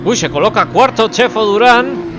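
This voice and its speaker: A man's voice: sits high, animated, normal speed. A man giving live motorsport commentary, calling out the action and exclaiming at position changes. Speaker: sim racing commentator. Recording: loud car engine noise behind.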